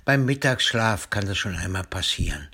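A man voicing a caring mother in a storybook reading, with a gentle, reassuring manner. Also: lowish voice, animated, moderate pace, breathy edge, heavily acted. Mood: calm.

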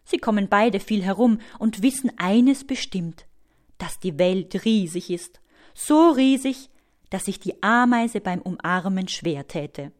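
Woman, storybook narrator, very slow pace, mid pitch, expressive read-aloud. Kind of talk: children's storybook reading.

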